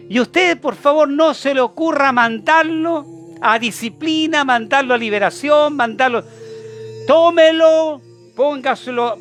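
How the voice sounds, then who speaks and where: In a high, somewhat bright voice, a man with a Chilean Spanish accent delivers an apostle's sermon. He is emphatic and repetitive and poses many rhetorical questions to the audience.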